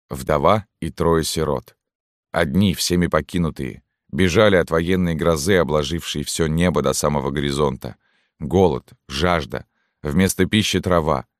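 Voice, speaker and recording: A man narrating a classic novel as an audiobook, in a measured, steady way. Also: rumbling low, no echo, studio quality. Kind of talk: scripted literary narration.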